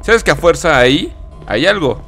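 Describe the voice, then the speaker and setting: A man's voice: a little high, sing-song, moderate pace, vocal fry, fairly bright tone, faint music behind. A young man commentating a horror game as he plays, reacting with swearing and nervous laughs. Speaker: gaming YouTuber.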